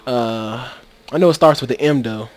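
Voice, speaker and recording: A man's voice: mid-range voice, normal speed. A man giving casual, rambling gameplay commentary into a USB microphone, with many fillers and restarts. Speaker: video game commentator. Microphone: USB microphone that cuts out.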